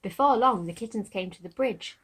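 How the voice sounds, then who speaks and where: Husky woman narrating a picture book. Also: medium pitch, fairly quick, low-quality recording. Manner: gentle, asks young listeners to look at the pictures. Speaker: storybook narrator. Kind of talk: read-aloud of a children's picture book.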